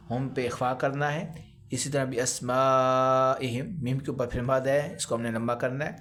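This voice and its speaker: A Quran teacher explaining pronunciation rules step by step, slowly demonstrating the sounds he describes. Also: medium pitch. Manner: patient, slow, demonstrates sounds. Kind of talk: tajweed lesson.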